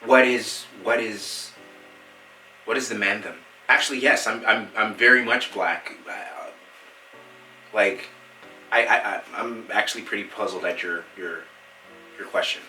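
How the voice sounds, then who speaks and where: A man's voice: lowish voice, steady tone, a little slow, pauses often, sharp tone, far from the mic, soft background music. A man playing a prim, earnest interviewer who stammers and repeats words as he works through his questions. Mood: appalled. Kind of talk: comedy sketch. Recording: roomy sound from off the mic.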